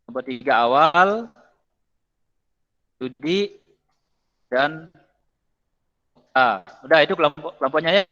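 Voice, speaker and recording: A man's voice: fairly high pitch, a little slow, pauses often, pushed and bright. A male teacher giving an online class, his voice breaking up over a choppy call, patiently repeating instructions. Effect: choppy breaking-up call audio. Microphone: video call. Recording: dull lo-fi online call sound.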